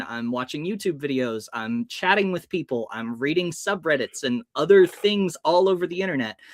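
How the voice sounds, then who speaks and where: A hypnotist in his thirties from the United States tells stories as an interview guest, acting out the people in them. His voice is on the high side, recorded dry.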